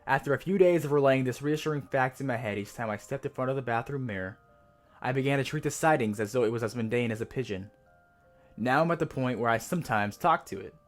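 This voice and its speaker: A man performs a haunted narrator telling a creepypasta in the first person. The delivery is measured and suspenseful, drawing out the frightening descriptions. His medium-pitched voice sits over a clear music bed. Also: close to an everyday voice. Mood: uneasy, haunted. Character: haunted, increasingly terrified narrator of a horror tale.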